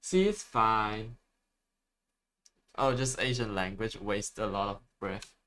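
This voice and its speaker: A man with a Malaysian English accent chats casually on a live stream, reading replies aloud and restarting words. His voice sits on the low side, slow-paced and sharp in tone.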